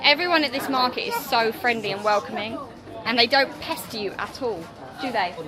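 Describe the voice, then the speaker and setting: A woman's voice: on the high side, expressive, a little fast, loud music behind the voice. A British woman giving casual, chatty travel vlog narration straight to her viewers. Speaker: family travel vlogger. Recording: noisy busy public places, crowd chatter behind. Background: crowd chatter and urban bustle.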